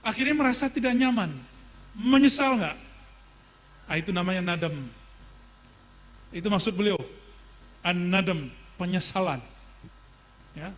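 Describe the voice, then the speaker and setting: A middle-aged man delivers a sermon in a high, light voice. He talks in a relaxed, conversational way, putting questions to his listeners and slipping in jokes as he teaches. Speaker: Islamic preacher teaching a classical text.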